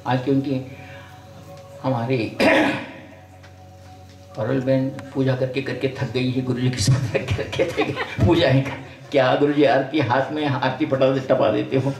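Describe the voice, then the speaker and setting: A man's voice: mid-range voice, level tone, unhurried, vocal fry, a little mellow. An older man, a spiritual teacher, giving a folksy sermon to a gathering, blessing and scolding by turns. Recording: roomy sound from far off the mic.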